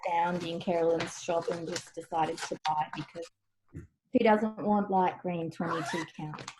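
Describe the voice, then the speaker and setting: A woman's voice: fairly low pitch, fairly even intonation, normal speed, noisy background. A middle-aged woman chatting casually as she shows things on a video blog, recorded at home over a video call. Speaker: co-host of a craft video blog. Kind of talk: casual show-and-tell chat.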